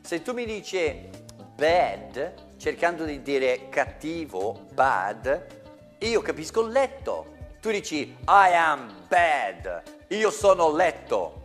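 A man's voice: fairly high pitch, very animated, slow, in a large hall, faint music behind. A man whose first language is English, teaching pronunciation in Italian in a playful comic style and repeating words with exaggerated care.

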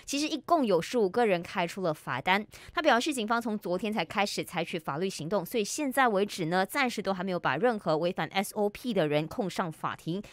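Lady chatting thru radio news, mid pitch, dry studio sound. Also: expressive, brisk, few pauses, dry recording. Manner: chatty, explains news with asides. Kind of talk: conversational news discussion.

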